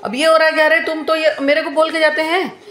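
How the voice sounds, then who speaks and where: A woman's voice: sits high, level tone, a little fast, sharp tone, reverberant. Aggrieved woman venting at home. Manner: aggrieved, repetitive complaining. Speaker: vlogger. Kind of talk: casual venting to camera.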